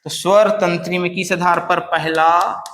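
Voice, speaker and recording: A man's voice: sits high, flat delivery, unhurried, fairly bright tone. A man teaching a grammar lesson who keeps asking his class questions and answering them himself, repeating the key terms over and over. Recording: roomy reverberant room.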